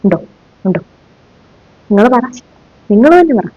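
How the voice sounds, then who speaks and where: A woman's voice: medium pitch, lively intonation, normal speed, dark tone, slightly rough, no echo. A woman in a comic sketch playing a stern, sarcastic middle-aged female schoolteacher, who scolds her class with mocking rhetorical questions. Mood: scolding. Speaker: sketch comedian. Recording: dull dry lo-fi recording.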